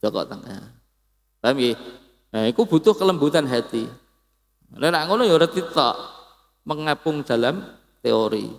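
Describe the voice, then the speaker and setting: Gravelly-voiced man teaching in an echoing hall. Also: mid-range voice, animated, measured pace, pauses often. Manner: homely, teasing, explains with everyday examples. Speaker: Islamic religious teacher. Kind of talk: casual religious study lecture. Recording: long echo of a reverberant hall.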